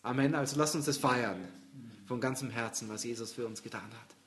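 Male pastor, mid-pitched, preaching with emphatic readings and soft personal appeals. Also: brisk, slight background noise. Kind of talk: sermon.

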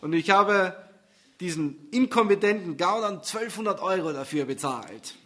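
A man voicing a grumpy, oblivious man who mutters gruffly about his car troubles. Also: high-pitched, lively intonation, moderate pace, fairly bright tone. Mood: grumbling.

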